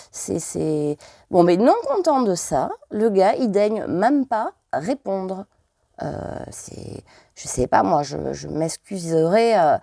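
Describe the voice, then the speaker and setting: A woman's voice: medium pitch, gravelly, dark tone, no room sound, studio quality. A French woman vlogger chatting casually and hesitantly, full of fillers, while showing her purchases. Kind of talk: casual chat.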